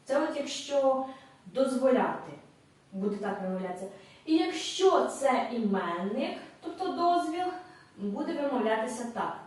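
A woman teaching English grammar in a video lesson, explaining step by step in a clear, patient way with brief hesitations. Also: high voice, big pitch swings, normal speed, darkish tone. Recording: echoey room, mic at a distance.

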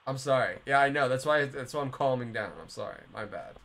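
A young man chats loosely with viewers while live-streaming a game, rambling and swearing as he plays. His voice is mid-range, creaky, and fairly bright, and he talks briskly.

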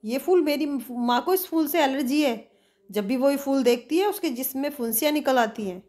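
A woman's voice: high voice, normal speed, a little mellow, voice pushed up, close to an everyday voice. A woman voicing Koko, a hungry young boy who gets flustered and anxious, in a storybook reading.

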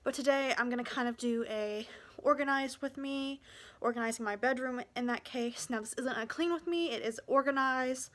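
A young woman talks her way through a casual home vlog, her voice sitting a little on the high side. She rambles and apologizes as she goes, still a bit out of breath from rushing downstairs. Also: a bit bright. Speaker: vlogger. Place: home bedroom, indoors.

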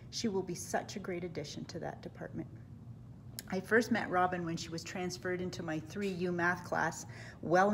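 A woman's voice: fairly low pitch, slight background noise. Middle-aged woman reading an admiring tribute. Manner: warm, admiring, reads lists of traits. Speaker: teacher introducing the valedictorian. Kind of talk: prepared tribute speech. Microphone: webcam, close framing.

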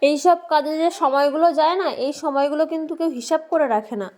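A woman's voice: high voice, quick pace, darkish tone. A woman with a Bengali accent chatting casually to viewers in a daily vlog, talking to her small child as she goes. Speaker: vlogger.

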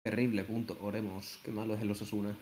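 A man making wry, swearing asides about a football match over loud background noise. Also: on the low side, flat delivery, fast. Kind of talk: casual football banter.

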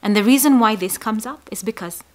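A woman psychologist explaining a mental health topic to camera, speaking emphatically and dropping to soft, breathy asides on key points. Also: on the high side, a little fast. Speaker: psychologist hosting an educational channel.

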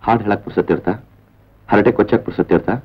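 An actor playing an irritable, suspicious husband who fires sharp, accusing questions, in a 1970s Indian film. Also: male voice, lowish voice, steady tone, racing, natural voice. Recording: dull old film soundtrack with faint music.

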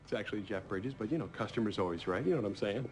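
A man's voice: fairly low pitch, expressive, very fast, darkish tone, soft background music, natural voice. An actor playing a breezy, boastful traveling salesman in a TV comedy-drama, with glib, joking patter. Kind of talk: naturalistic TV comedy-drama acting.

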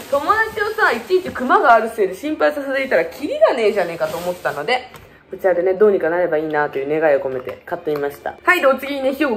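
Chatting quickly about her latest shopping haul, a twenty-something beauty vlogger from Fukuoka, Japan keeps joking at her own expense and wandering into playful side topics. There's plenty of up-and-down movement in her pitch.

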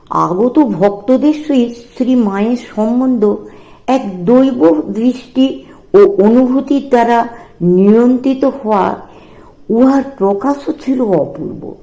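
A woman reading devotional prose aloud, slow and reverent. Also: medium pitch, vocal fry, warm tone. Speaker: reader. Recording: echoey room, dull lo-fi sound.

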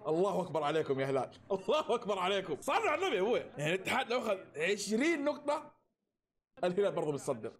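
A man reacting live to a football match, excitable and often breaking into shouted cheers. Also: high voice, very fast.

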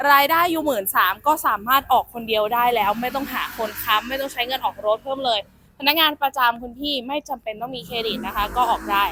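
A young woman walks viewers around a used car with chatty, familiar sales talk. Her voice sits a little high. She sounds as if she is outdoors on a car lot. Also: sharp tone. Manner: chatty, addresses viewers as elder sibling. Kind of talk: sales walkaround presentation.

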